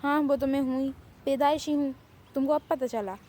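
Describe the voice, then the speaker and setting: A woman's voice: high voice, fairly even intonation, normal speed, warm tone, lightly acted. A woman doing a brash teasing young prankster girl.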